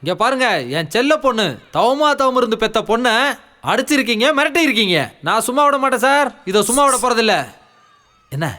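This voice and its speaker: Cocky young hero, high voice, talks fast. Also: male voice, expressive, sharp tone, full character voice. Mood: blustering. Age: young adult.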